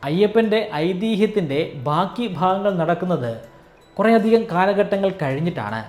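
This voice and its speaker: A man narrating a history explainer, telling the story in a measured way and voicing the questions of the people in it. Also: high-pitched, expressive, a little mellow, echoey room, soft background music. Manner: storytelling, acts out quoted questions. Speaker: educational narrator.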